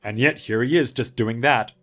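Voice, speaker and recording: An actor playing a polite, helpful young office worker with quiet backbone, speaking in an earnest, measured way in a dramatized story. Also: male voice, mid-range voice, soft background music, lightly acted. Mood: calm, smug.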